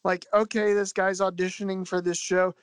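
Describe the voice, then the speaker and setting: A man's voice: sits high, level tone, normal speed, smooth, dry recording. A young man from Philadelphia, a guest on a podcast, chatting casually in a rambling, self-deprecating way and laughing often. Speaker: podcast guest, album designer. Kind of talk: casual chat.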